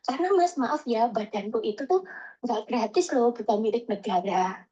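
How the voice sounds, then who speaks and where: A woman calling in and telling a story in a lively, chatty way, acting out the lines people said to her. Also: fairly high pitch, moderate pace, highs cut off. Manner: chatty, animated, acts out quoted dialogue. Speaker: caller. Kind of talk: casual storytelling phone call.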